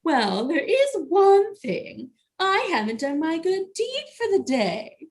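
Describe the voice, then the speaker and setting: Woman acting a very high-voiced glamorous mom. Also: very animated, slow pace, exaggerated voice. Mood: playful. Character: glamorous, vain, playful Beverly Hills mother. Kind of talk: live script reading, comedic.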